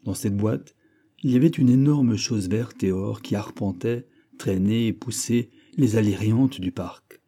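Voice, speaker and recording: Dark, husky male audiobook narrator. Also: lowish voice. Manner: measured, steady narration. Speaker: audiobook reader. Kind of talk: reading a classic novel aloud.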